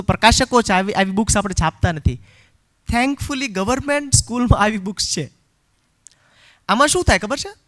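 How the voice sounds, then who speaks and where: A middle-aged man giving a parenting seminar talk, an animated storyteller who acts out quotes and slips English phrases into his speech. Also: sits high.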